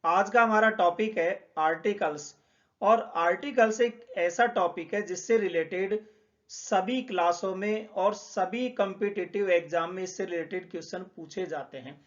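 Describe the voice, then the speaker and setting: A man's voice: high-pitched, normal speed, a bit bright. A man teaching English grammar, explaining each point step by step and repeating the key ideas. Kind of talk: classroom explanation. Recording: dull lo-fi sound.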